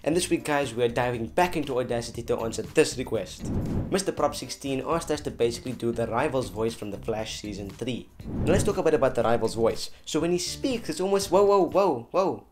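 A young adult man hosts a scripted tutorial, talking to viewers directly in a chatty, playful way with background music playing. His mid-range voice moves a little fast with lively intonation, and there's some background noise.

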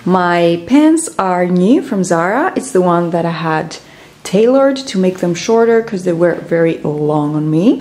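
A woman's voice: fairly low pitch, mellow, echoey room, slight background noise. A woman in her twenties chatting casually and upbeat to her camera in a vlog, a little out of breath. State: slightly out of breath. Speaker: vlogger.

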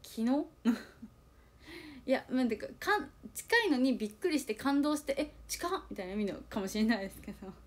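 A young woman chats on a livestream with a fairly high, very animated voice. She talks quickly and keeps dipping into changed voices to act out small quoted moments, while running herself down in a confiding, chatty way. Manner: self-deprecating, chatty and confiding. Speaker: idol group member streaming live. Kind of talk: casual livestream chat reading viewer comments.

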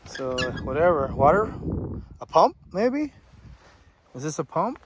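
A man's voice: fairly high pitch, sing-song, unhurried, noisy background. A man exploring a desert site outdoors, talking casually to the camera, wondering aloud and correcting himself. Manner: musing aloud, wondering questions, self-corrections. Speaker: explorer vlogger. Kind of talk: casual vlog narration while exploring.

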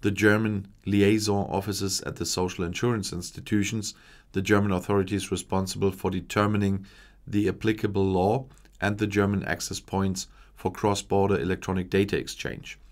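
A news commentator in his forties reads political news from a script into a desk microphone in front of him, in a small home studio. His deep voice stays measured and steady, with small slips as he reads long official passages.

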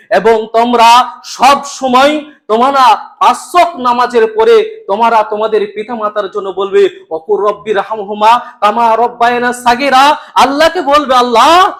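A man preaching a Friday sermon in a West Bengal Bengali accent, his voice pitched high. He repeats his points with emphasis, swings from stern raised rebukes down to quiet low lines, and recites verses to the congregation. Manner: emphatic, repetitive, rising to stern rebukes then dropping low.

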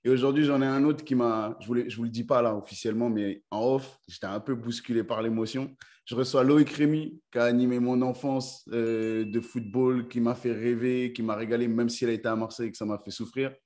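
A man's voice: mid-range voice, steady tone, fairly quick, a little mellow. Enthusiastic young French man hosting. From France. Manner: friendly, enthusiastic, chatty. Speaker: interview host. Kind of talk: casual video-call interview. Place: bright room at home. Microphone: video call.

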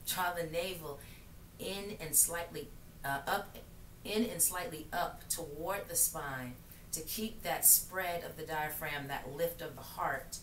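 Middle aged lady doing slow yoga instructions, soothing, mic way across a roomy space. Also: deep voice, a bit bright. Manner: measured, soothing, with long pauses. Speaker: yoga teacher. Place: living room, seated on the floor. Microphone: camera mic across the room. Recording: roomy, noisy, distant microphone.

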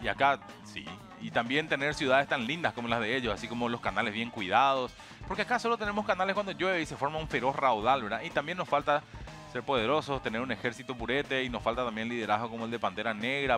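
A man's voice: medium pitch, pushed and bright. A man with a Paraguayan accent hosting a satirical comedy show, reading out viewer comments with sarcastic, mock-serious asides. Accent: Paraguayan Spanish.

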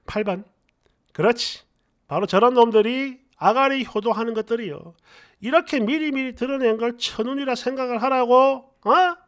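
A woman's voice: fairly high pitch, normal speed. A woman reading viewer comments aloud for a story channel, with brash, slangy, mocking remarks. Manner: lively, animated delivery.

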